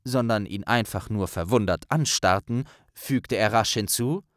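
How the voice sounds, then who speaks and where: A man narrating a fan-made fantasy audiobook in an expressive, animated reading. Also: on the low side, measured pace, no room sound, studio quality. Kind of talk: storytelling narration of a fan fiction.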